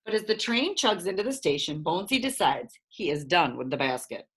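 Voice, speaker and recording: A woman narrating a children's storybook in an expressive, lively reading voice. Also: lowish voice, fairly quick, slight background noise.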